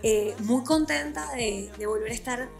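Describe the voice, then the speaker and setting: A woman with a Caribbean Venezuelan Spanish accent and a slightly husky voice, hosting a podcast in a casual, playful, irreverent way. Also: fairly high pitch, normal speed, faint music behind. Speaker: podcast host.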